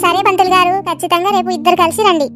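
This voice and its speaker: A woman's voice: very high voice, fairly even intonation, rapid-fire, over loud music. A woman playing a courteous village mother who respectfully addresses a priest and offers him a meal. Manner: respectful, hospitable.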